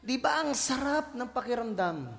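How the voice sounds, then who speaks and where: A male pastor from the Philippines, preaching a lively sermon full of jokes and playful voices. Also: very high voice, normal speed, gravelly, some chatter behind. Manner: animated, joking, playful voices and shouts, mixes English in. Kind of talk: lively sermon with comic asides. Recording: church hall reverb.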